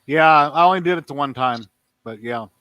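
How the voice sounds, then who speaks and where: A man's voice: a little high, moderate pace, sharp tone, no echo, muffled recording. A man in his fifties hosting a livestream, telling rambling stories in casual chat. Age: 50s. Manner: rambling storyteller. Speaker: livestream host.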